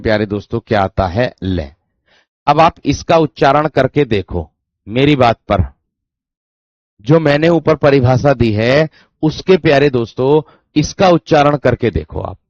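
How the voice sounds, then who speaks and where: Teaching Hindi grammar online, this man keeps calling his students dear friends and says his phrases more than once. His mid-range voice is a little mellow, and he demonstrates sounds by repeating syllables. The audio is dull, dry and lo-fi, without echo.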